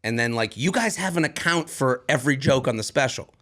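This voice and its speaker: A man in his thirties, a comedian co-hosting a podcast, chatting casually and rambling excitedly as he promotes his work. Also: mid-range voice, a little fast. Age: 30s.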